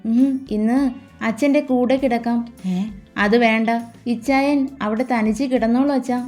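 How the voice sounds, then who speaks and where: A bashful young bride who pouts and protests softly, played by a woman narrator. The voice is fairly high and mellow, with faint music underneath. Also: fairly even intonation, normal speed, natural voice. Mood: shy, pouting. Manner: pouting, bashful. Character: shy, playful young bride.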